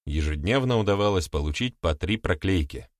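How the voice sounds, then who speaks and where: A man narrating an audiobook in a wry, lively storytelling manner. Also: sits low, brisk, no room sound, studio quality. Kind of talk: scripted narration.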